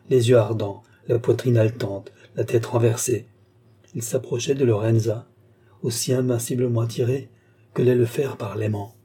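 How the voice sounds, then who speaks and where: A man narrating a classic novel as an audiobook in a measured, dramatic reading. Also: fairly low pitch, mellow, slightly rough.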